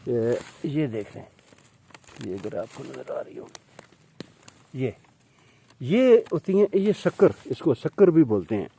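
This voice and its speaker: A man's voice: mid-range voice, lively intonation, creaky, long pauses, warm tone, slightly rough. A man giving a casual gardening tutorial among tomato plants, explaining patiently with many fillers as he points things out. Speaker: home gardening presenter.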